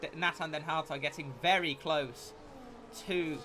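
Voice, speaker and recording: A man giving live motorsport commentary as a race commentator, with an excitable delivery that rises at incidents. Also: fairly high pitch, unhurried.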